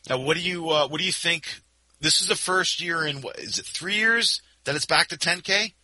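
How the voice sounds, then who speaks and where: A man's voice: a little high, normal speed, bright, forceful tone, no room sound, low-quality recording. A man co-hosting a casual podcast chat, chatty and prodding with questions. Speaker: podcast co-host.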